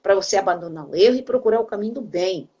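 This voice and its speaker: An older woman with a Brazilian Portuguese accent preaches as a pastor, earnest and direct, speaking straight to her listeners as brother. Her voice sits at an ordinary middle pitch for a woman. The recording has a dull, muffled, lo-fi sound. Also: animated, fast, dark tone, husky. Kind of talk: sermon on a broadcast program.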